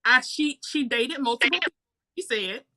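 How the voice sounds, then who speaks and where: A woman with a bright, somewhat high voice talks in a relaxed podcast debate. She questions and pushes back in an easy, conversational way. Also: normal speed. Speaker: podcast co-host. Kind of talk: casual debate chat.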